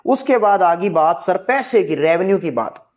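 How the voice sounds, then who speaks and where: A man's voice: sits high, expressive, moderate pace. A man teaching a civics lesson, asking questions and answering them himself as students would, and often checking that the class has understood. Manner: asks and answers his own questions, quoting students as "sir". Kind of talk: exam-prep lesson.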